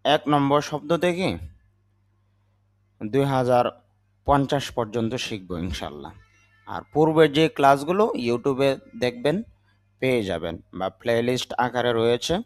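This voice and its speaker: A man's voice: mid-range voice, expressive, moderate pace, pauses often, dry recording. A man, teaching English words and patiently repeating each one with its meaning. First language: Bengali. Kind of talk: vocabulary lesson.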